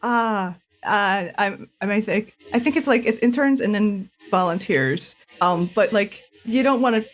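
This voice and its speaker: A woman's voice: mid-range voice, measured pace, lightly acted. A woman voicing a young nature preserve intern who rambles and hesitates, with plenty of fillers and restarts, in a tabletop role-play.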